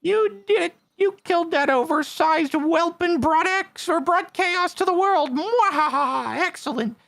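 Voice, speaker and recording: A man voicing a scheming game villain trader with slow, theatrical menace. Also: extremely high pitch, gravelly, a bit bright, no echo, pitched above the performer's own voice, full character voice. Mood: gloating menace. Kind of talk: reading game dialogue in character.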